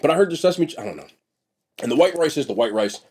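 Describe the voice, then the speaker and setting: Congested and sniffly, a young man reviews food on camera in a casual mukbang, blunt and chatty, often trailing off before starting again. The food vlogger's voice is fairly high, husky and darkish in tone, animated and quick, with a nasal quality from his blocked nose.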